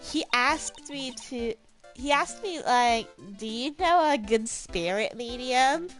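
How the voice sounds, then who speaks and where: A woman's voice: fairly high pitch, lively intonation, slow pace, a bit bright, soft background music. Woman doing a ditzy valley-girl woman. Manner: airy, full of "like" fillers.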